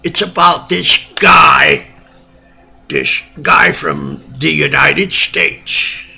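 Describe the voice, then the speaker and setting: A man playing a goofy, slow-witted British joke-teller with a put-on British accent, rambling and giggling at his own joke in a comedic monologue. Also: on the high side, fairly even intonation, sharp tone, heavily acted. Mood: joking. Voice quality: very gravelly.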